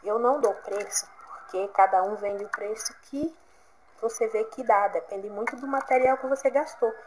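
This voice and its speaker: A woman's voice: fairly high pitch, moderate pace, slight background noise, rough recording. A Brazilian woman chatting casually from home as she shows her craft work to viewers, encouraging them as she goes. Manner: chatty, encouraging, keeps saying "gente" and "olha". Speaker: crafts vlogger.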